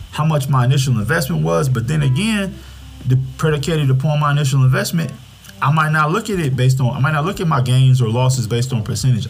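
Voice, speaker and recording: Blunt, cocky finance-bro man over music. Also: a little high. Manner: blunt, streetwise, slangy, repeats phrases for emphasis. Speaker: retail investing commentator. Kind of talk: casual off-the-cuff market talk.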